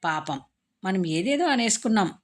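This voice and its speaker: A woman's voice: mid-range voice, big pitch swings, normal speed. A woman reading a story aloud, voicing a lovesick young woman who speaks tearfully and reproachfully to her lover. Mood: tearful, relieved.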